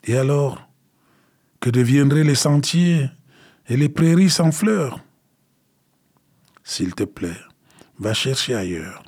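A man voicing a chorus of gentle flowers, murmuring apologetically. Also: mid-range voice, lively intonation, slow pace, long pauses, slightly rough, voice pushed up, heavily acted. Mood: regretful. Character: wild flowers, regretful and gentle.

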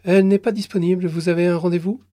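Brief: tired young office clerk woman, polite and brisk, higher and louder as a male narrator puts her on. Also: flat delivery, dry recording, clean studio sound, natural voice. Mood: politely firm.

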